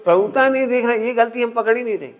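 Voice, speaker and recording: Through a muffled lo-fi recording, a religious teacher with a very high-pitched voice speaks fast. He teaches a spiritual discourse conversationally, often asking his listeners questions.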